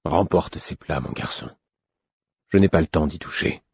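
A man voicing a weary, gruff royal man who speaks low and tired but stays kindly. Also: animated, normal speed, no room sound, muffled recording, exaggerated voice.

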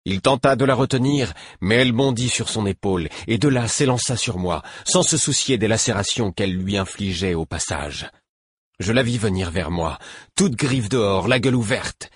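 Low husky man reading an audiobook. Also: normal speed, dry recording. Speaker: audiobook narrator.

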